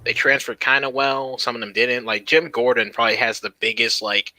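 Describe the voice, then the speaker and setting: A man's voice: mid-range voice, steady tone, fairly quick, sharp tone, no room sound, rough recording. A man hosting a casual gaming podcast, rambling and restarting as he plays. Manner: rambling, restarts, laughs at himself. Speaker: podcast host playing the game. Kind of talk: casual chat while gaming.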